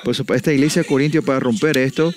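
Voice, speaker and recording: A man's voice: mid-range voice, steady tone, darkish tone. A male pastor giving a sermon who keeps closing his phrases with a questioning "no?" and often stops to restart a sentence. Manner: ends phrases with a questioning "no?" tag, halting restarts.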